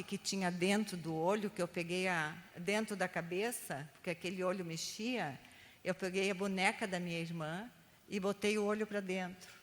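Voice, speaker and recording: A woman's voice: mid-range voice, a bit bright, big-room sound. An older woman training Sunday school teachers, telling stories and checking in with her listeners often. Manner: chatty, keeps adding "né?" tags. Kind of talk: teaching a training class with storytelling.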